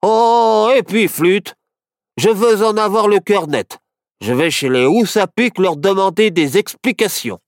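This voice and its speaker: A man's voice: on the high side, animated, a little slow, dry recording, clean studio sound, pitched above the performer's own voice. A man voicing a level-headed young man who doubts and protests, in a storybook reading. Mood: skeptical. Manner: reasoning, protesting.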